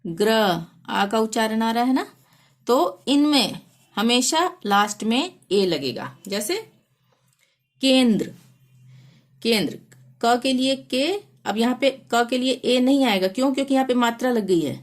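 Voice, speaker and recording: A woman's voice: fairly high pitch, animated, moderate pace. A woman teaching a lesson, patiently explaining spelling step by step and sounding out letters one at a time. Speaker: Hindi teacher.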